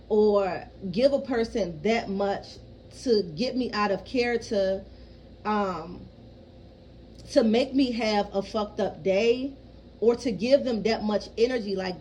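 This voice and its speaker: Her voice is medium-pitched with a darkish tone, heard through poor audio and slight background noise. This woman in her thirties vlogs casually about personal things, talking frankly and rambling, swearing freely, and constantly checking in with "you know what I mean".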